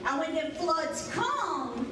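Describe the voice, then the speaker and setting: A woman's voice: very high voice, sing-song, slow pace. A woman with a Cajun Louisiana accent telling folk tales in a theatrical, folksy dialect. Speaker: storyteller. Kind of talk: dramatic folk storytelling. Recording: echoey room, distant mic, noisy background.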